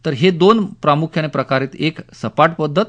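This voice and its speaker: A man's voice: fairly high pitch, a little fast, fairly bright tone. A man giving instructive advice on a radio phone-in, repeating key points. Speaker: agricultural expert guest on a radio phone-in. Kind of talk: spoken explanatory advice on radio.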